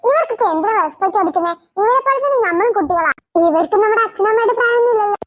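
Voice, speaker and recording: A woman's voice: very high-pitched, lively intonation, racing, fairly bright tone. Woman doing a defiant, sassy cartoon schoolgirl. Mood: scornful. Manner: sassy, retorting, snappish. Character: defiant scheming schoolgirl, sharp-tongued and stubborn. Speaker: cartoon voice actor. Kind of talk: cartoon voice acting.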